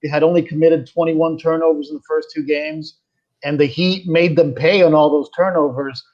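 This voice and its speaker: Male podcast guest, slightly high voice, conversational, emphatic, dull remote recording. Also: fairly even intonation, moderate pace. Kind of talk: casual sports chat.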